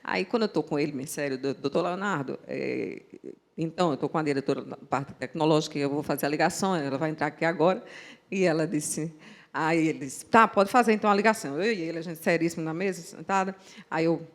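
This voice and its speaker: A woman on a panel telling a workplace story with animated energy and frequent repetitions. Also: low voice, fairly quick. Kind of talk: anecdotal storytelling in a panel talk.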